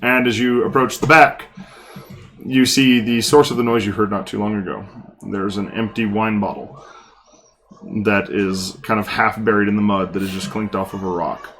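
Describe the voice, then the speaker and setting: A man narrating a tabletop game as game master, improvising descriptions and halting as he searches for words. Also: fairly low pitch, fairly even intonation, fairly bright tone.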